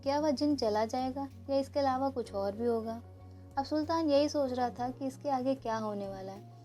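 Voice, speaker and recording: A woman storyteller narrating a storybook tale in a steady, expressive manner. Her voice is mellow and a little high. A faint music bed plays under her reading.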